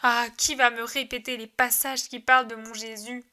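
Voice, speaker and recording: A heartbroken mother on the edge of despair, swinging between tender murmurs and anguished cries, as a woman reader puts her on. The voice sits fairly high and sounds bright, close and intimate like a storybook reading. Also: steady tone, measured pace. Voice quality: emotional pleading delivery. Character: grieving mother, desperate, clinging to faith.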